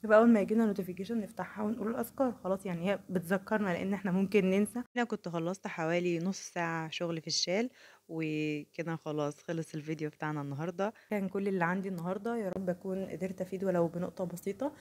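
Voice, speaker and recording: Egyptian girl talking super fast while crocheting, lowish voice, keeps restarting sentences. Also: steady tone, a little mellow. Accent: Egyptian Arabic. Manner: rambling, self-correcting, reflective. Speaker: vlogger. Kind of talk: casual talk while crocheting.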